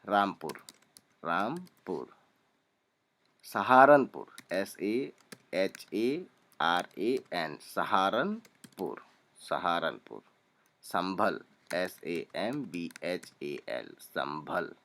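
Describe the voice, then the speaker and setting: A young man teaching a spelling lesson, calmly spelling out names letter by letter and repeating each one. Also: deep voice, very slow, pauses often.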